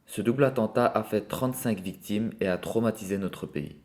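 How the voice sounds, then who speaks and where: A man giving steady, informative scripted narration. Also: fairly low pitch, moderate pace.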